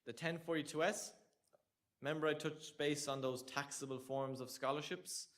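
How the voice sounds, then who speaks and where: Running a tax information session for students in a lecture room with an audience, a young Irish-accented man from Ireland keeps things conversational and joking. His voice is on the high side and fairly bright, with fairly even intonation and normal speed.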